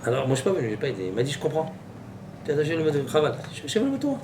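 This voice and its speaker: A man preaches as a rabbi, his pitch swinging widely as he bursts into exclamations. He stands some way from the mic in an echoey hall. Steady background noise hangs around his voice. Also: rapid-fire. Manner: animated, exclamatory storytelling with sudden high outbursts. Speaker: rabbi giving a Torah class. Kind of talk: lively sermon with anecdotes. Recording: echoey room, voice from far off, noisy.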